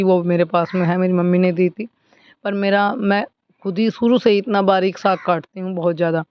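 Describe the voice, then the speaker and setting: Woman, 30s, village vlogger, rambling casual chores commentary, smooth clear tone. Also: fairly low pitch. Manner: chatty, rambling, talks to viewers while working. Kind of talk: casual running commentary while doing chores. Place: outdoors at a village home, by a water tap. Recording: slightly dull recording.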